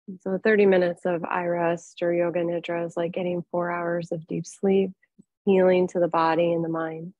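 This guided relaxation comes from a woman who teaches yoga nidra meditation; her somewhat low, slightly mellow voice stays level, soothing and unhurried, with long pauses between phrases. The audio is very dry and echo-free but sounds muffled.

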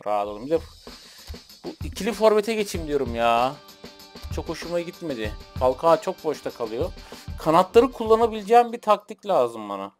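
A man's voice: fairly high pitch, fairly quick, soft background music. Chatty male gaming streamer. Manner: chatty, excitable, talks to the game and his chat. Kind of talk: casual gameplay commentary.

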